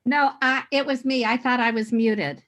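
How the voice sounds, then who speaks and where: Woman, higher voice, playful, self-mocking, video call. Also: fairly even intonation, moderate pace, a bit bright. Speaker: meeting attendee. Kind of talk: casual video call chat.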